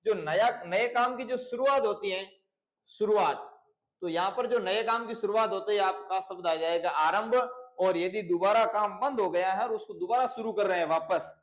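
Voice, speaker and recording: A man's voice: sits high, moderate pace, fairly bright tone, low-quality recording. A man with a Rajasthani Hindi accent explaining exam questions as a teacher, repeating key words and checking in with his listeners. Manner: repetitive, checks in with "theek hai na".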